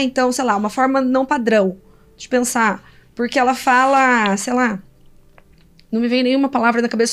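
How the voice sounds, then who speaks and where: Brazilian woman, high voice, engaged academic guest, rhetorical and animated. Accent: Brazilian Portuguese. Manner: animated, poses rhetorical questions, many fillers. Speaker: linguist guest. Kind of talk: conversational interview answers.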